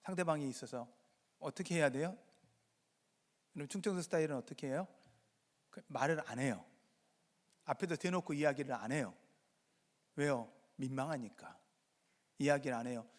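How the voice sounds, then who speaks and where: A man with a somewhat high voice delivers a Sunday sermon as pastor. He keeps asking the congregation questions and answers them himself. His words carry a long reverb from the church sanctuary. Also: moderate pace, pauses often. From Jeolla, Korea.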